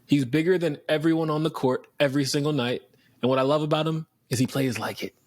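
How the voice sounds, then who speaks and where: A man's voice: fairly high pitch, fast. Easygoing young man talking hoops. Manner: easygoing, laughs often, slangy. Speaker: podcast co-host. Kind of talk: casual sports chat.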